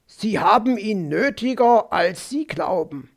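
A man doing a smug, fussing fox gentleman. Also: high voice, expressive, slow pace, exaggerated voice. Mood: soothing. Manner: soothing, patronizing and persistent. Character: smug, overly solicitous male fox. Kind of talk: audiobook character voice.

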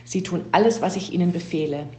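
A woman's voice: fairly low pitch, fast talker, darkish tone, natural voice. A woman voicing a gleeful, menacing male personification of hate who snarls and barks commands, recorded in an echoey room. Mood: gloating. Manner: snarling, gloating, bossy commands.

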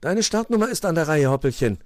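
A tiny, eager youngster who calls out every bit of news, as a storybook narrator puts it on. The voice climbs very high above the reader's. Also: male voice, very animated, quick pace, darkish tone, no echo. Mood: cheerful. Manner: eager, calling out.

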